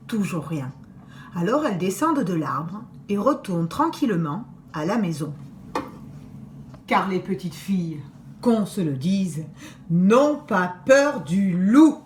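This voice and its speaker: A woman teacher reading a children's story aloud with expressive, deliberate storytelling. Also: mid-range voice. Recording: echoey room, faint hiss.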